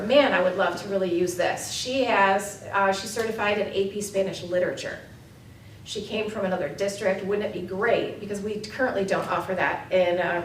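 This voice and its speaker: A woman's voice: medium pitch, slight background noise. Upbeat woman reporting in an echoey room. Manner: enthusiastic, fast, filler-heavy. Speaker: immersion program presenter. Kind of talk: presenting a report at a board meeting. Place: meeting room. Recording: echoey room, mic far off.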